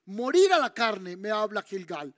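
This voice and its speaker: A male pastor preaching a sermon, asking his listeners questions and slowing down to stress key phrases. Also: high voice, big pitch swings. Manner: preaching, asks the audience questions.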